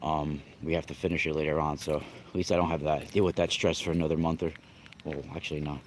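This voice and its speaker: His voice is extremely low with little pitch movement, and he talks fast over a little hiss or hum. The young adult man is a livestream host and spiritual reader who has a cold, coughs and sounds slightly nasal. He rambles casually, restarts often and greets the chat.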